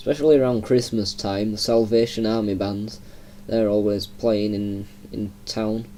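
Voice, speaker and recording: A young man with a broad Yorkshire accent chats loosely as he plays, rambling and laughing softly now and then. His voice sits a little low and sounds warm and mellow. A faint hiss runs under the recording. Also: steady tone, moderate pace. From Yorkshire, England. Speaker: gaming channel host. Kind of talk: casual gameplay commentary.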